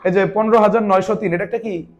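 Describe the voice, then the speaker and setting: A man's voice: high voice, fairly even intonation, fast talker, muffled recording. A man teaching a division lesson to a class, asking his pupils question after question and answering himself, with chiding, teasing asides. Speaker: math teacher.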